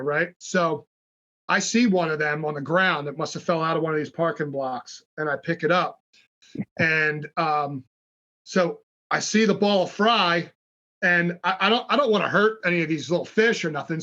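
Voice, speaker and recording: A man guest on a podcast, telling stories in a casual, animated way, swearing freely and acting out what people said. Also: on the high side, highs cut off. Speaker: podcast guest, fishing brand founder. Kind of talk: casual storytelling.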